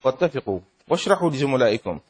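A man's voice: mid-range voice, sing-song, very fast, a little mellow, slightly rough. A male sheikh teaching a class of students, often quizzing them and stretching key words for emphasis. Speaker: sheikh teaching Shafi'i law. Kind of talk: interactive classroom lesson.

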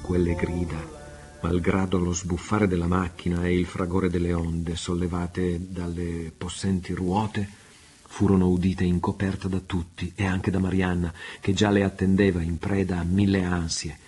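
A man reading a novel aloud, measured and unhurried. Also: deep voice, little pitch movement, darkish tone, faint music behind. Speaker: reader. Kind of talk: audiobook narration.

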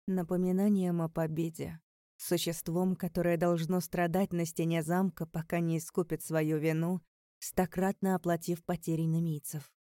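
A woman reading a first-person audiobook in a measured, calm, steady way. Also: fairly low pitch, no echo, studio quality. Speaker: audiobook narrator.

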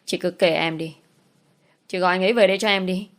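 A woman voicing a jealous young wife who speaks in sharp, quick outbursts. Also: on the low side, steady tone. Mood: angry.

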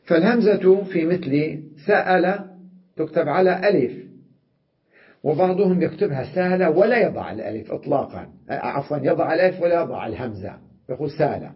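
A sheikh teaching an Arabic grammar lesson, explaining patiently, often asking "tamam?" and repeating example words slowly with drawn-out fillers. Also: male voice, on the high side, expressive. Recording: muffled lo-fi lecture recording.

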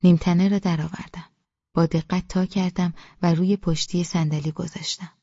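A woman's voice: on the low side, steady tone, dark tone, husky, dry recording, muffled recording. A woman narrating a first-person audiobook with a wry, self-deprecating storytelling manner.

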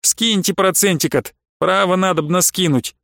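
A man's voice: high voice, moderate pace, creaky, no echo, studio quality. A man voicing a wily older merchant who haggles, pleads and blusters. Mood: wheedling. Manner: bargaining, pleading, bursts of shouting.

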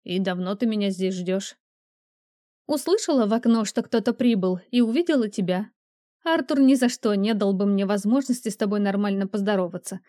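A woman's voice: mid-range voice, a little fast, mellow, no echo, studio quality, lightly acted. A woman reading an audiobook, voicing a playful, teasing young woman who purrs her lines in a raised, coy voice. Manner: purring, coy. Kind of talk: audiobook character voice.

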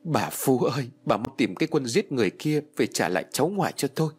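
A man's voice: medium pitch, very animated, quick pace, husky. A man voicing a distraught old mother who wails and pleads over her injured daughter. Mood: grieving. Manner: wailing, pleading.

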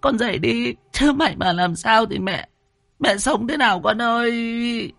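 A man's voice: fairly high pitch, lively intonation, measured pace, no room sound, voice pushed up. A man voicing an older mother who pleads tearfully and frets over her son in a ghost story reading. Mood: tearful pleading.

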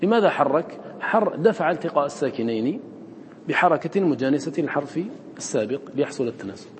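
A man teaching Quran recitation to students. He chants the recited words slowly between quicker explanations and checks in with short questions. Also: fairly high pitch, lively intonation, big-room sound, slight background noise.

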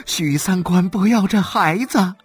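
A shrill wailing mother. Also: breathy edge, soft background music. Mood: wailing lament. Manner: sobbing, drawn-out lament. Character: wailing wronged mother, shrill and self-pitying. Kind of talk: audiobook character voice.

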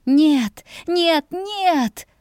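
A woman's voice: very high-pitched, expressive, very slow, darkish tone, no echo, studio quality, voice pushed up, full character voice. A woman voicing a desperate young woman, crying out in terror and sobbing pleas. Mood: anguished screaming.

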